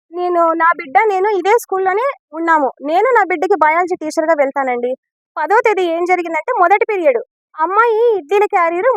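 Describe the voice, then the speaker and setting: Speaking at an extremely high pitch with no room sound, a mother who teaches biology at a school gives news reporters a statement. She recounts what happened in order, sounding earnest and distressed, and ends each sentence politely.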